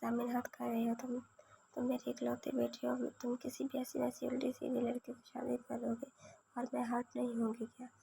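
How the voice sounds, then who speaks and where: A middle-aged mother, fond of her son but quick with a cutting word, read by a woman narrator. The voice is gravelly and low-key, with very little melody. The reading is even from line to line. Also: a little hiss or hum. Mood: angry. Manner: flat, even read-aloud delivery. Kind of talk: novel read aloud.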